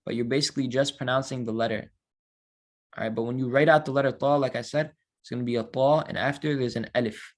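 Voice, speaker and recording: A man teaching Quran recitation in a relaxed class, talking casually and stretching out syllables to show how they are chanted. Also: mid-range voice. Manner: explains slowly, models drawn-out recited syllables.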